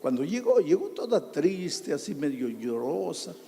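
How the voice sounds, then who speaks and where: Male preacher, emphatic storyteller, slightly high voice, big church reverb. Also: big pitch swings, vocal fry, mellow, slight background noise. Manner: emphatic storytelling with dramatic pauses. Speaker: pastor. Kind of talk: sermon. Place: large church.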